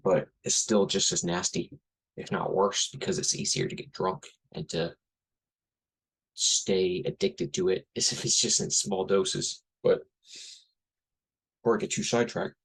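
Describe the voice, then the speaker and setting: Low gravelly-voiced man rambling. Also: unhurried, pauses often, a bit bright, rough recording. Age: 30s. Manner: rambling, blunt, frequent fillers and self-corrections. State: has a headache. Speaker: podcast host. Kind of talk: casual spoken monologue.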